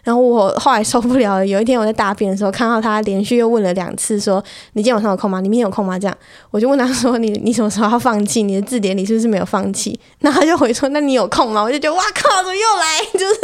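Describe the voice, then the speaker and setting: A young woman with a Taiwanese Mandarin accent, hosting a casual storytelling podcast in a frank, chatty way. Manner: frank, chatty, breaks into laughter and excited high bursts. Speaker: podcast host.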